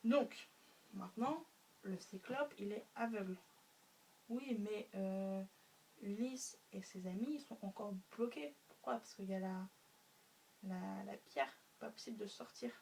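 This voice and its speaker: A woman's voice: medium pitch, a little slow, vocal fry, a little mellow. A woman retelling a story for a class, hesitant, with many fillers and spoken sound effects. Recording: faint room noise, mic a bit distant.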